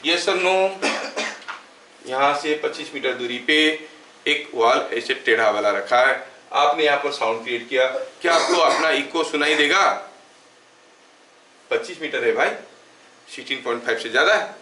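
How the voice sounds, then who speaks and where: A man teaching a physics class, often asking questions and slowly dictating notes. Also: medium pitch, pushed and bright. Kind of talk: classroom lecture mixing Hindi and English. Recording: echoey room, voice from far off, faint hiss.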